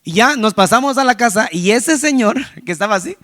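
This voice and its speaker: A man's voice: sits high, animated, fairly quick, bright, forceful tone. A man preaching a sermon, telling a street-evangelism story and acting out the people he met, with frequent restarts. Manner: storytelling, acts out quoted voices, frequent restarts. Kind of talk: sermon testimony.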